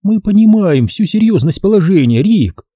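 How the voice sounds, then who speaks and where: Brief: sugary, flirtatious actress, pitched way up as a man reads her in an audiobook. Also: sing-song, normal speed, dark tone, breathy edge, no echo, clean studio sound, exaggerated voice. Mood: coaxing. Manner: coaxing, sugary. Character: cooing, flirtatious woman film star.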